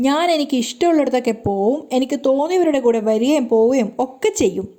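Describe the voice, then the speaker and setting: A woman's voice: high voice, lively intonation, quick pace, warm tone. A woman voicing a defiant young wife. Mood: bitter. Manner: teasing, then cold and defiant. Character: sharp-tongued young wife staging a ruse.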